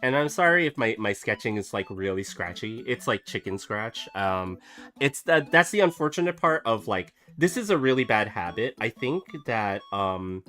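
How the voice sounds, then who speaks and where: Over soft background music, a man streams his drawing session and chats at normal speed, his lowish voice very animated. He rambles with frequent fillers and restarts and is still getting over a cough.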